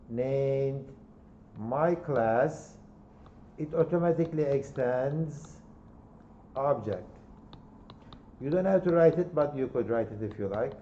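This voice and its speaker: Here a man with a mid-range voice teaches a university class, his Turkish accent marking him as from Turkey; he goes over things more than once and checks in with "okay?" and "right?". There's slight background noise, and the classroom audio is dull and echoey.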